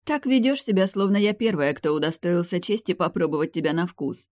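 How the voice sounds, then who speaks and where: A man's voice: high voice, animated, moderate pace, a little mellow, no room sound, studio quality, voice pushed up. A man voicing a haughty young female vampire noblewoman in an audiobook, teasing and smug. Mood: mocking.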